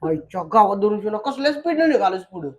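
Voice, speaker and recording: A man's voice: high voice, very animated, quick pace. A young man, hosting a casual family vlog at home and bantering jokingly with his wife. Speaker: vlog host. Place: home room.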